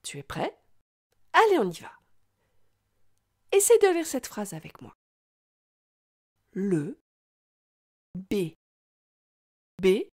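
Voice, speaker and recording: Patient woman teacher, slow and sing-song, reading lesson for small children. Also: fairly high pitch, a little mellow.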